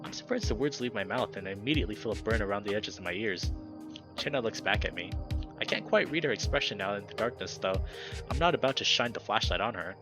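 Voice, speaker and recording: A man hosts a let's play, reading a visual novel aloud in steady narration broken up by animated, jokey asides. He speaks fast in a lowish voice, with music playing in the background.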